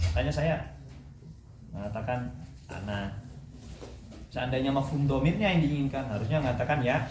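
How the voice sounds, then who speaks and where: A male teacher explains an Arabic text in a relaxed, questioning way, reading the Arabic slowly. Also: mid-range voice. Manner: explains casually, asks students questions, reads Arabic slowly. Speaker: ustadz teaching logic. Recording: echoey room, faint noise.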